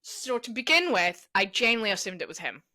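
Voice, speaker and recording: A woman's voice: mid-range voice, very animated, fast talker, sharp tone, no echo. A young adult woman co-hosting a casual podcast chat. She tells stories and swears freely. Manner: chatty storyteller, swears freely. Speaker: podcast co-host.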